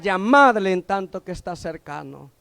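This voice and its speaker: A Salvadoran deacon preaches in a very high male voice. He peppers the congregation with questions and waits for their answers. His voice is recorded close and dry, with almost no room sound. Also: animated, moderate pace, gravelly, fairly bright tone, clean tone, dry recording. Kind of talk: sermon.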